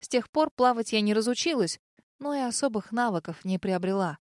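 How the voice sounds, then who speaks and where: Expressive woman reading a fantasy audiobook. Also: on the high side, brisk, no room sound, clean studio sound. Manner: lively, expressive storytelling. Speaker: audiobook narrator. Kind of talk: first-person fantasy audiobook narration.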